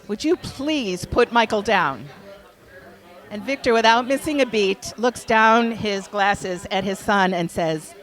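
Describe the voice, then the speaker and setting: A woman giving a tribute speech, telling a fond, animated story. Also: medium pitch. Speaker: memorial speaker.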